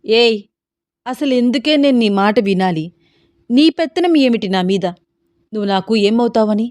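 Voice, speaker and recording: Female narrator as young heartbroken doctor, gruff, dismissive, dry read. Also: medium pitch, normal speed, a little mellow, no room sound, natural voice. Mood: bitter, angry. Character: bitter heartbroken young male doctor, drinking.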